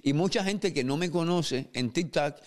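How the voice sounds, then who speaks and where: A man's voice: a little high, moderate pace, a little mellow. A man hosting a casual boxing chat, chatty and playful, slipping into an announcer-like delivery for plugs. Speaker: podcast host.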